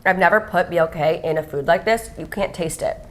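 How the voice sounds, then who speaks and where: Woman, guest cook, laid-back chat, lots of "like", lowish voice. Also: a little fast. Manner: casual, uses "like" as filler. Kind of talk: casual cooking chat.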